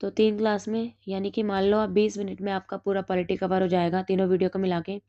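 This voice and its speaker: Female tutor, hoarse, medium pitch, self-quizzing note review, dry dull recording. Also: flat delivery, brisk, warm tone, no room sound. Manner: asks and answers her own quiz questions. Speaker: exam prep teacher. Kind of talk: reading through study notes.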